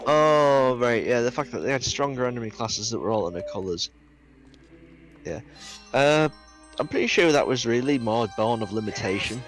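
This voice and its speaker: A man's voice: medium pitch, expressive, moderate pace, fairly bright tone, soft background music. A man chatting casually during a game stream, rambling, swearing offhand and laughing through his own stories. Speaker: co-op stream guest. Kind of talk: casual gaming chat.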